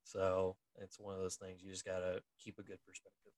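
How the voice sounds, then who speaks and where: A man's voice: deep voice, monotone, brisk, darkish tone, no room sound. A man in his thirties co-hosting a casual podcast chat, chatty with lots of fillers and frequent laughter. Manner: laughs often, chatty with many fillers and restarts. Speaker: co-host, military investigator in the reserves.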